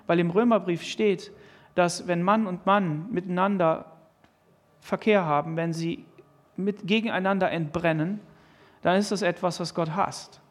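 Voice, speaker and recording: A man preaching a sermon, earnestly reading and explaining Bible verses and asking pointed questions. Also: high voice. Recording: long hall reverb.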